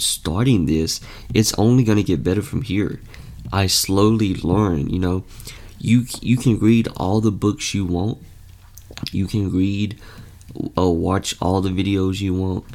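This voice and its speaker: With a low, slightly mellow voice, this young man in his late teens hosts a podcast of easygoing motivational talk. He speaks sincerely but loosely, full of fillers and restarts.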